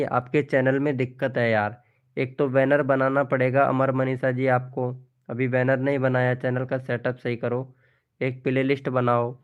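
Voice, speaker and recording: A man's voice: medium pitch, smooth, phone-quality sound. A man hosting a live stream, chatting casually as he reads out viewers' comments, calling people by name and often laughing. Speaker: live stream host promoting channels.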